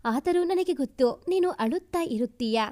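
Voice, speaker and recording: A woman voicing a remorseful young woman who is gravely ill, read as a storybook letter in a soft, pleading tone. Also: high-pitched, animated, normal speed. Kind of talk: storybook narration.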